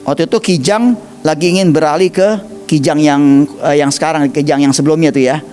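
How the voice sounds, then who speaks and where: A man's voice: fairly high pitch, a little fast, faint music behind. A man with an Indonesian accent preaching a sermon, telling stories animatedly and acting out quoted voices. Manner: animated storytelling, acts out quoted voices, addresses listeners as 'saudara'. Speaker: evangelist preacher.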